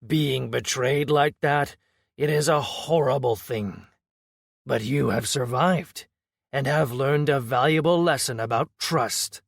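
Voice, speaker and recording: A man voicing a smug, scheming female orc adventurer who speaks slowly with false politeness in an audiobook. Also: medium pitch, no room sound, studio quality. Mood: smug, condescending. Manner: slow, gravelly, falsely polite. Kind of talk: audiobook character voice.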